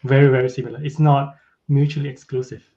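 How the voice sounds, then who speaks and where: A man's voice: medium pitch, flat delivery, fast talker, warm tone. A man, a podcast guest chatting casually about his life and tagging his sentences with "right?". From Malaysia. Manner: tags sentences with a questioning "right?". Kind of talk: casual interview chat. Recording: dull lo-fi audio.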